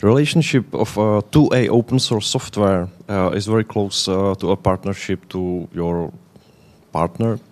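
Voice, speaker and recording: A man in his thirties speaks with a Czech accent, his voice sitting very low. He gives a conference presentation in non-native English, pausing and restarting as he searches for words. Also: darkish tone. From Czech Republic.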